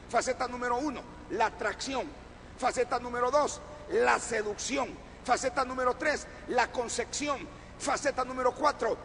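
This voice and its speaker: Male preacher, very high bright voice, call-and-response sermon, echoey church hall with faint noise. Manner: call-and-response, asks the congregation to repeat; rhetorical questions, rising to shouts.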